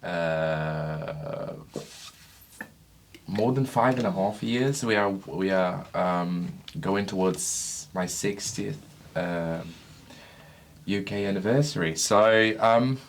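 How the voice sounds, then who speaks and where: A man with a very low voice co-hosts a casual podcast in a dry, sardonic way. He calls himself grumpy and deflates things with deadpan asides. He grew up in Brazil. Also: takes it slowly, slight background noise. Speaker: podcast co-host.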